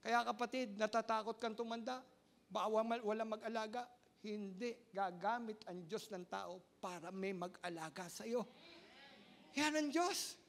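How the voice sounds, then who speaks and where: A male pastor preaching with fervor, swinging from loud exclamations to hushed lines. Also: sits high, gravelly. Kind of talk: sermon.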